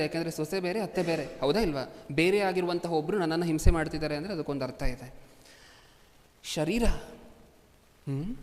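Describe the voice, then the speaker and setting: A man's voice: on the high side, darkish tone. A man preaching a sermon to a congregation, constantly asking them rhetorical questions. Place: large hall before a congregation. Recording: long hall reverb.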